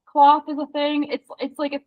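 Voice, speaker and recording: A woman in a casual research chat, excitedly reading history passages aloud in quick bursts. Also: sits high. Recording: dull lo-fi sound.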